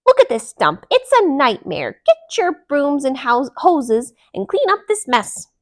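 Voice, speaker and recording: Lady doing a bossy girl duck from a kids book, loud n high, exclaiming and ordering everyone about. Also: wildly swooping pitch, measured pace, full character voice. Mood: indignant, bossy. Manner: exclamatory, emphatic, commanding. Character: bossy, demanding female cartoon duck, easily outraged.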